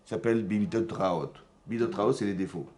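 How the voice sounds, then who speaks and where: A man with a French accent, a rabbi giving a lively Torah lesson in a synagogue, often asking his listeners questions and raising his voice to stress points. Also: normal speed. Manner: animated, asks the audience questions, rises in pitch and loudness to stress points. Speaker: rabbi teaching a class.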